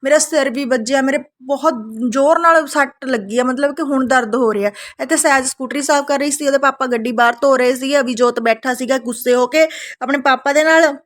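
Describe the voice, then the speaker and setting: A woman's voice: high-pitched, brisk. A woman in her thirties from Punjab, tired and chatty, talking through her day in a casual family home vlog and often tagging her sentences with a questioning "right?". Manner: chatty, tags sentences with "hanna". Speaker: family vlogger.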